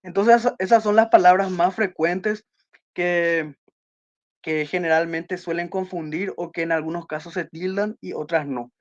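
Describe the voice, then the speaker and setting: A Spanish teacher giving an online class, explaining accent rules and slowly reading out example sentences, checking in with her students. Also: lowish voice, fairly even intonation, dull audio. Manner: checks in with students by asking questions.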